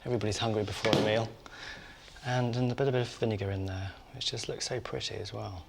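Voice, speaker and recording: A man's voice: on the low side, steady tone, fast, gravelly, very noisy. A man hosting a cooking show, chatting casually as he prepares food in his kitchen. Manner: chatty, talks while cooking and tasting. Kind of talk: cooking demonstration.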